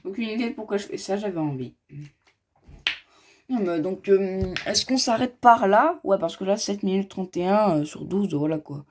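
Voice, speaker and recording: A man's voice: high-pitched, mellow. A man giving casual game commentary as a gaming youtuber, chatty and rambling, talking straight to his viewers.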